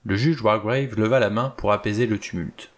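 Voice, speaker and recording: A man reading a novel aloud in a calm, measured storytelling voice. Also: on the low side. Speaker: audiobook reader.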